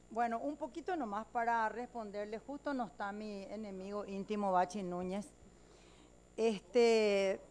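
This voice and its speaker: A woman legislator with a Paraguayan Spanish accent delivers a combative, emphatic speech on the floor of a legislative chamber. Her pitch sits in the medium range.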